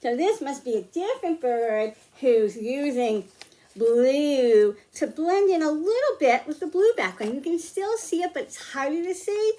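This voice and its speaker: High and sing-song, this woman's warm voice takes its time as she presents a science storytime for young kids. She reads aloud, does a hands-on lesson, explains plainly, and asks the children questions.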